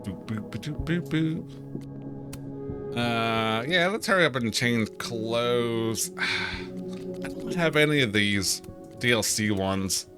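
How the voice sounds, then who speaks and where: A man's voice: medium pitch, animated, takes it slowly, loud music behind the voice. A man streaming a game, chatting casually, reading in-game posts aloud, playful and stumbling over words. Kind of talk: casual let's-play commentary.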